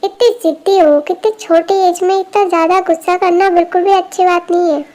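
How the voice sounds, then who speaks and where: A woman doing a calm caring young man. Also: extremely high pitch, fairly quick. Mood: scolding. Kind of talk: amateur Hindi fan dub.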